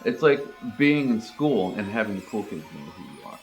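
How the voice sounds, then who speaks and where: A man's voice: lowish voice, very animated, normal speed, poor audio. A man giving earnest, pleased interview commentary. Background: music.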